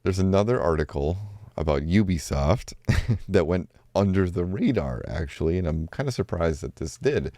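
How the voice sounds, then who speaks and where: A man's voice: deep voice, animated, moderate pace, dark tone, no echo. A man hosting a solo gaming news podcast, talking casually with rambling asides and self-corrections.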